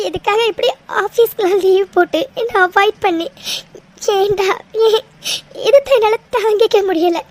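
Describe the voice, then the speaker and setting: Woman voicing a young cartoon woman, very high pitched, crying, tearful, self-blaming. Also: normal speed, a little mellow. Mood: heartbroken. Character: young woman heartbroken over rejection. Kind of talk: cartoon voice acting.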